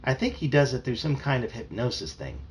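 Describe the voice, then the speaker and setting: Man reading a kids' book out loud, lively voice, swings up and down a lot, mid pitch. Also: brisk. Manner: animated, expressive. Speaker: storybook reader. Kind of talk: reading a children's novel aloud.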